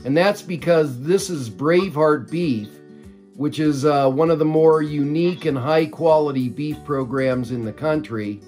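An older man talks through a business interview from his home study. He is measured and explanatory, often pausing on "uh" as he lays out his points. The sound is a video call webcam, with faint music underneath. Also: on the high side, darkish tone. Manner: measured explanatory, frequent "uh" fillers. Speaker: company executive guest.

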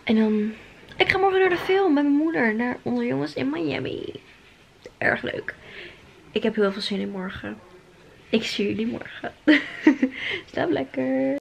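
A young woman chatting casually in a vlog from her bedroom, gushing and excited, talking to a handheld camera. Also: sits high, measured pace, gravelly, pauses often, a little hiss or hum. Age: young adult. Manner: excitable, gushing, exclaims often. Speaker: vlogger. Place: bedroom at home. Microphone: handheld camera at arm's length.

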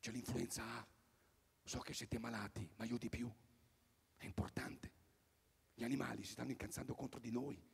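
A man doing a rambling stand-up comedy routine at a live concert, swinging between loud bursts and mutters. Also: mid-range voice, fairly even intonation, a little fast, gravelly, husky, big-room sound. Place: outdoor tennis courts at a live event.

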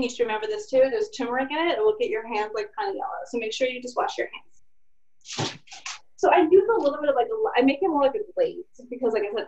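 Woman, high voice, chatty cooking demo, home kitchen, echoey and off-mic. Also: darkish tone, recorded from a distance, dull audio. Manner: chatty, lots of fillers like "like" and "kinda". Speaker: cooking instructor. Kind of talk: casual cooking demonstration. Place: home kitchen in an old apartment.

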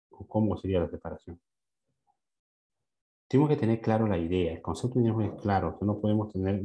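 Male teacher with a low, warm voice; a patient questioner who drills his class and repeats each word slowly. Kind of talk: classroom lesson.

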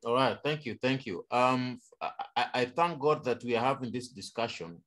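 A man's voice: medium pitch, normal speed, fairly bright tone. A man from Kenya on an online panel, speaking in a preaching manner and asking rhetorical questions.

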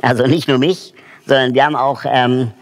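A man's voice: mid-range voice, level tone, moderate pace. A man explaining a project and lecturing students in a hall, talking thoughtfully with frequent hesitation fillers. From Germany. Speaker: social project founder giving a lecture.

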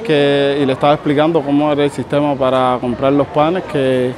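A man's voice: medium pitch, level tone, brisk. A man in his thirties with a Cuban accent, casually narrating a vlog into a phone at arm's length. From Cuba. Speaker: vlogger. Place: outdoors in street and open market. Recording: busy street and market noise behind.

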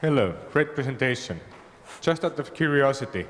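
A man's voice: medium pitch, expressive, moderate pace. A man in the audience at a conference, asking a polite, slightly hesitant question into a handheld microphone. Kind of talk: question from the floor. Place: large conference hall. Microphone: handheld audience mic. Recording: hall reverb, conference room.

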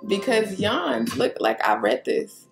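Tarot reader, woman; lively pitch and a gravelly edge, roomy sound with clear music underneath; loose, rambling, swears and laughs. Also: slow pace. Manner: rambling, laughing, profane, talks straight to the viewer. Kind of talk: casual tarot reading to camera.

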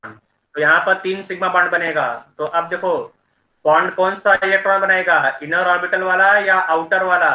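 A man teaching chemistry in an online class, explaining slowly and checking in with his students often. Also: sits high, steady tone, bright, forceful tone, echoey room, rough recording.

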